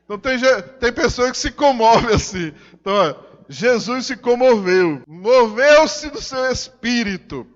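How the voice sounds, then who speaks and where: A man's voice: extremely high pitch, expressive, a little slow. A man with a Brazilian accent preaching a sermon in a church hall, emphatic and repetitive, speaking directly to the congregation. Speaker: pastor. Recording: dull sound with long hall reverb.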